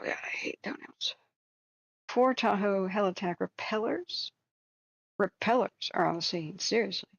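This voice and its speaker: Low, gravelly woman livestreaming. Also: dry recording, muffled recording. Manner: thinking aloud, conversational. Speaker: livestream host. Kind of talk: casual live wildfire-tracking commentary.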